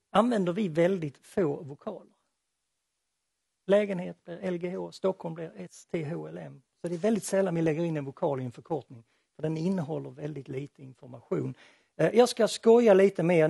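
A man's voice: high voice, vocal fry, darkish tone, husky, no echo, clean studio sound. A man giving an explanatory lecture presentation on acoustics, with a light touch of humor.

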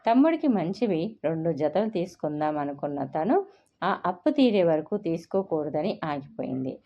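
A woman's voice: deep voice, sing-song, normal speed. Woman storyteller, dull lo-fi sound. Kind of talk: scripted story narration. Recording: dull lo-fi recording.

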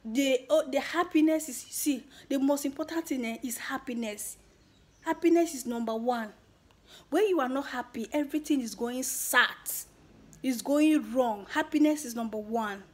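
Excited young Nigerian woman vlogging. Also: sits high, normal speed. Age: young adult. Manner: excited, emotional, mixing Pidgin with English. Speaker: YouTuber. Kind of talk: casual vlog to subscribers.

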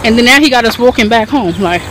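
A woman's voice: fairly high pitch, lively intonation, fast talker. A young woman, chatting casually for her vlog while walking home, laughing often and using street slang. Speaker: vlogger. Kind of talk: casual chat. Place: walking outdoors on a city street. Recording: street traffic noise.

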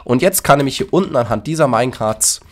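A man's voice: mid-range voice, lively intonation, fast. A man casually commenting on his Minecraft build and explaining it to his viewers. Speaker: YouTuber demonstrating a Minecraft build.

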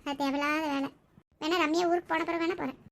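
Woman doing a sad young wife, soft and resigned, Tirunelveli accent, high quick voice. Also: fairly even intonation. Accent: Tirunelveli Tamil.

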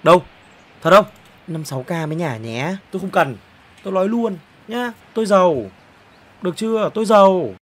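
Excitable male streamer. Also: high voice, a little fast. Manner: excitable, exclamatory, jumps between shouting and muttering. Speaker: game streamer. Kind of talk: live-stream commentary while opening player packs.

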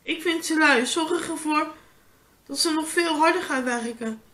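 A woman's voice: high voice, measured pace, a bit bright. A woman voicing an angry, proud pharaoh in a children's Bible story, speaking haughtily and scornfully.

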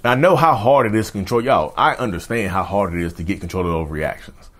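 A man's voice: fairly low pitch, fast, fairly bright tone. A man in his thirties hosting a mental health channel, talking straight to camera in an emphatic, repetitive way and calling viewers y'all. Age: 30s. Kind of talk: direct-to-camera advice talk. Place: indoor studio with backdrop.

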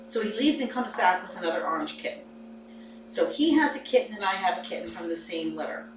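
A woman in her forties hosting a kitten livestream, chatting casually and cooing softly to the kittens. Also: medium pitch, expressive, a little fast. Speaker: host of a kitten rescue livestream. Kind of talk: casual chat and talking to kittens. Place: indoor cat playroom. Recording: roomy, distant mic, noisy background.

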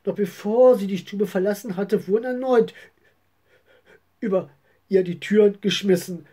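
A woman reading a story aloud in an expressive way, now and then correcting herself. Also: mid-range voice, normal speed, slightly rough.

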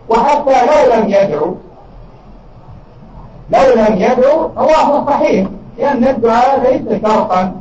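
An older man with a Saudi Arabian accent, giving a religious lesson and answering questions in a measured, emphatic way, heard in a large mosque hall on a distant, dull recording. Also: sits high, background noise.

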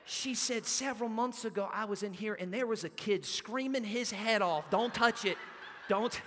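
A man preaches in a church, his voice unusually high and bright. He tells his story with animation, and long reverb from the sanctuary trails each phrase. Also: normal speed, a little hiss or hum. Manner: animated storytelling, acting out quotes. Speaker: pastor. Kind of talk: sermon with personal story.

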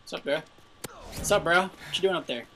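A young man giving live gameplay commentary, frustrated and swearing loudly at other players. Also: on the high side, brisk, slight background noise. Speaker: gaming video host.

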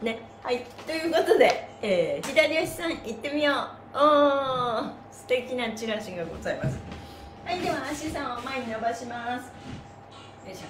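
In a small room with a floor mat, an animated, high-voiced stretching host and mime teacher runs a cheerful live exercise lesson at a normal pace, counting moves and politely honoring body parts and objects in a playful way. A phone or camera about one to two metres off catches echoey live-stream audio with background noise and music.

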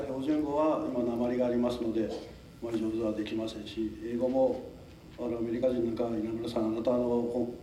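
An older man from a southern island gives a talk to a local crowd in a polite, formal way, with chuckles and asides. His voice is mellow and middle-pitched. The recording is roomy, picked up from a distance, with faint room noise behind it. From Tokunoshima, Amami Islands, Japan. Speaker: lecturer. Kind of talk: public talk to a local audience. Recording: echoey hall, mic at a distance.

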